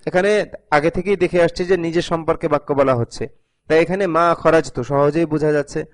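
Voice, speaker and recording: A man's voice: on the high side, steady tone, a little fast. A male teacher giving a recorded video lesson, patiently reading sentences aloud and translating each one, often repeating them. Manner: reads each sentence, then translates it line by line; patient, repeats phrases for learners. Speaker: Arabic teacher.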